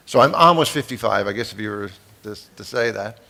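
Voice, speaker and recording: A man's voice: lowish voice, expressive, brisk, gravelly, pushed and bright. A man in his fifties, from the East Coast, giving a folksy, joking keynote speech and asking the audience questions. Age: 50s. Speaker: keynote speaker.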